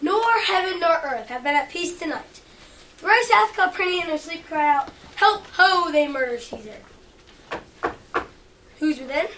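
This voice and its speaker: A woman's voice: very high-pitched, animated, unhurried, pauses often. A woman playing a proud, defiant Roman ruler, declaiming verse in an amateur stage performance. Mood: uneasy. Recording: echoey room, distant mic, background noise.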